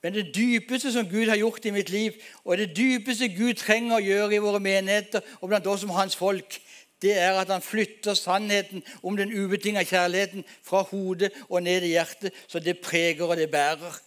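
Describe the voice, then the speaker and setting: High-voiced man preaching a testimony. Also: fairly even intonation, fairly bright tone. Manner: storytelling, emphatic, addresses congregation as folks. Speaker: pastor. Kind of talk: sermon testimony.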